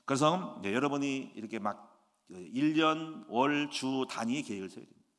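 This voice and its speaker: A man in his sixties, a pastor delivering a Friday sermon in an animated preaching manner, often asking the congregation rhetorical questions. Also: medium pitch, moderate pace. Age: 60s. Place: church sanctuary. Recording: echoey church hall reverb.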